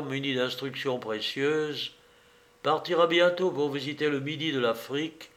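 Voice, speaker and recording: A man narrating a story in a measured, unhurried way. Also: mid-range voice, fairly bright tone. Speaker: audiobook reader.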